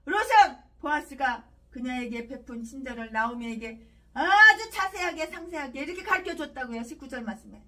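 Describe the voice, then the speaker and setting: A woman pastor preaching an expository sermon, emphatic and repeating herself, at times breaking into angry shouted tirades, her voice distant from the mic. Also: sits high, lively intonation, brisk.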